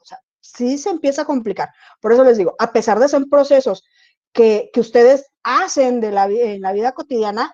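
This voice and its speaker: Teaching an online class, this woman keeps pausing her explanations to ask whether students are keeping up. She speaks in a high, slightly mellow voice, heard through dull, lo-fi video call audio.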